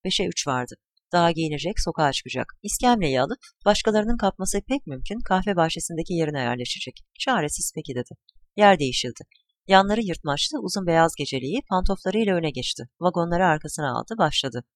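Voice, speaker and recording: A narrator reading a literary story aloud at an even, measured pace. The voice sits in the middle of its range and is recorded close and dry, with no room echo. Character lines get only small shifts in voice. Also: mid-range voice.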